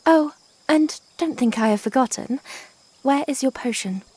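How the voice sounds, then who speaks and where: High-voiced, slow-spoken Princess Zelda, acted by a woman. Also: a little mellow, husky. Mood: teasing, insistent. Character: young fantasy princess, teasing, caring and bossy.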